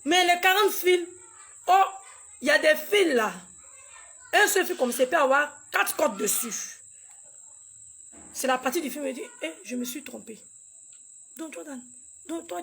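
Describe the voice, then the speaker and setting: A grieving mother with a high, fairly bright voice edged with gravelly vocal fry tells of a painful family loss. Haltingly and with repetition, she acts out what the people involved said, in raw, personal storytelling.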